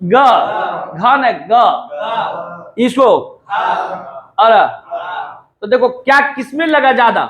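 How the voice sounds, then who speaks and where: A man from India teaches a class in a slow, deliberate lecture, repeating each point and urging students to say the sounds back to him. His voice sits very high and sounds bright and forceful. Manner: repetitive, drilling students to repeat sounds aloud.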